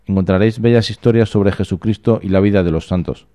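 A man's voice: on the low side, steady tone, quick pace, mellow, close to an everyday voice. A man reading the lines of a stern, condescending village priest in a storybook reading. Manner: condescending, questioning. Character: stern middle-aged male village priest.

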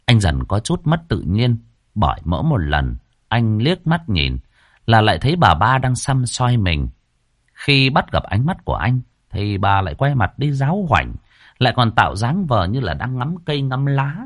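A man narrating a ghost story in a lively, playful storytelling manner. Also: mid-range voice, normal speed, no echo, clean studio sound.

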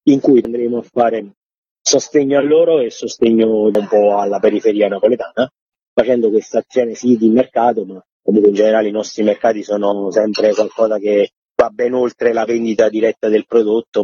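An organizer of a farmers' gathering answers interview questions informally, explaining things in long, loosely connected sentences. His voice is low, dark, and husky with no echo, and it comes through dull, muffled lo-fi radio audio.

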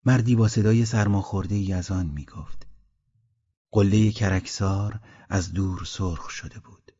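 A man from Mazandaran, Iran, calmly reading a short story aloud as an audiobook narrator. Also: deep voice, husky. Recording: dull lo-fi audiobook recording.

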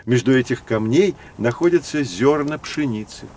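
A medium-pitched, slightly mellow male voice, close to an everyday one, moves at a moderate pace and stays expressive, with a little hiss or hum in the audio. It belongs to an actor portraying a professor who teaches children about prehistory in a scripted educational drama. As the guide, he patiently lectures and explains.

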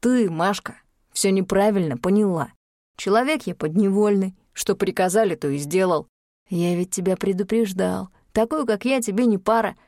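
A woman's voice: mid-range voice, normal speed, a little mellow, no room sound, clean studio sound, close to an everyday voice. A woman voicing a cheeky, fibbing man who talks in folksy slang and wheedles and pities himself. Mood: defensive. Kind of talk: audiobook character voice.

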